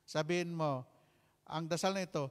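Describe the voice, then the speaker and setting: A man's voice: on the high side, moderate pace. A man preaching a healing sermon, mixing English and Tagalog with jokes and repeated calls for an amen. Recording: long hall reverb.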